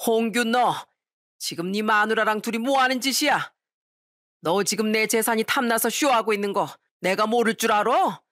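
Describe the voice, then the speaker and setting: A woman reads the part of an elderly father-in-law in a dramatized audio story, scolding his son harshly. The voice is pushed higher than her own and tight with anger. The recording is dry and close, with no room sound. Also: normal speed, no room sound, close to an everyday voice. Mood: furious. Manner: shouting, scolding.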